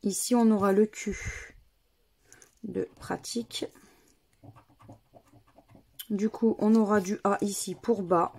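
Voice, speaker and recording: A woman's voice: medium pitch, fairly even intonation, slow pace, creaky, long pauses, a little mellow. A woman vlogger talking casually as she plays scratch games, methodically spelling out letters and numbers one by one. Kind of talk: casual commentary while playing scratch games.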